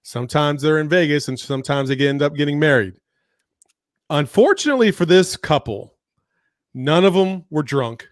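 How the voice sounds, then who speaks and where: Animated laughing man in casual chat. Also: fairly high pitch, normal speed, no echo, studio quality. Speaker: podcast co-host.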